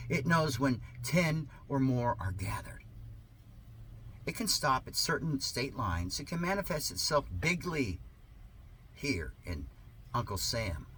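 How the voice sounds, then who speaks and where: Reading a satirical monologue, a man uses a bright, forceful, medium-pitched voice, sounding sarcastic and mock-earnest with theatrical, overdone emphasis. The recording is low quality, with slight background noise.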